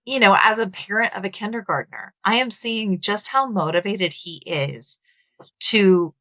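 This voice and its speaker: This thirty-something woman with a Texas accent is being interviewed conversationally on a podcast, explaining her opinions carefully with occasional fillers. Her mid-range voice is expressive, bright and forceful, a bit slow in pace. The recording is dry and low in quality.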